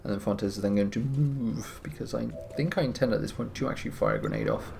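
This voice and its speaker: Gravelly man, wry game commentary. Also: on the low side, quick pace, slight background noise. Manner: relaxed, wry, thinking aloud. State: tired, yawning. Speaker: gameplay commentator. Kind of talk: casual let's-play commentary. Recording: music playing behind.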